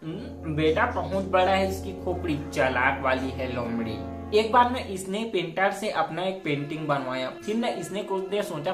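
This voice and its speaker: A woman's voice: fairly low pitch, close to an everyday voice. A woman playing a boastful scheming husband. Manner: rhyming comic boasts. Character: boastful scheming middle-aged husband and father. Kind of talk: comedy sketch. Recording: roomy room with background music.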